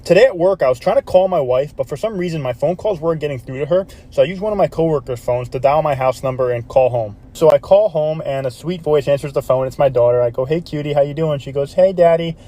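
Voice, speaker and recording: A man narrating a joke story about his family in a quick, deadpan storytime narration. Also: fairly high pitch. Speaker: husband and father.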